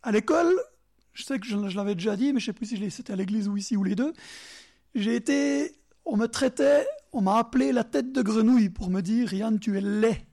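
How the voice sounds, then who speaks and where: Brief: man, Bernese Jura French accent, preacher, fairly high mellow voice, emphatic delivery. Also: a little fast. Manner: emphatic, animated, drops to soft asides; talks directly to listeners in second person. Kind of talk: sermon.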